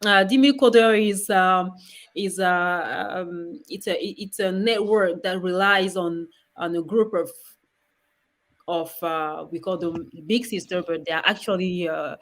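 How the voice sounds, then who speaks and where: A middle-aged woman from Rwanda speaking in a webinar, presenting in a halting way with many pauses and restarts. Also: fairly low pitch. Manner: frequent fillers and restarts, halting. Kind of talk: hesitant spoken presentation.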